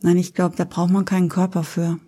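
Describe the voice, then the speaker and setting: A woman's voice: lowish voice, flat delivery, a little fast, dark tone, breathy edge. A woman in casual chat, making her point in a matter-of-fact, argumentative way. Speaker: podcast co-host.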